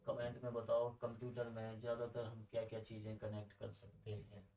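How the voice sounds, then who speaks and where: A man's voice: lowish voice, monotone, brisk, warm tone, echoey room, distant mic, soft background music, poor audio. A man teaching a computer lesson in a casual, chatty way, asking his students questions and drifting into side stories.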